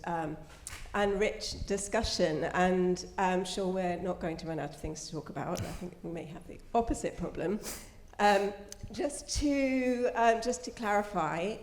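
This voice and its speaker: A woman's voice: on the low side, a little mellow. A woman moderating a live panel on a theatre stage, gracious and chatty, with many ums and restarts. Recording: roomy theatre sound.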